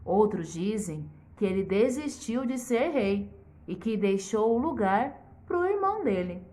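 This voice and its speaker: A woman educational psychologist narrating a children's story expressively and ending with a moral lesson. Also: mid-range voice. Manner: slow, expressive, teacherly.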